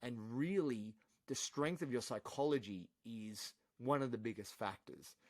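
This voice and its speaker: An Australian man, a podcast guest, chatting casually and telling animated, swear-laced stories. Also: medium pitch, a little slow, no room sound. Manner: animated storyteller, swears freely.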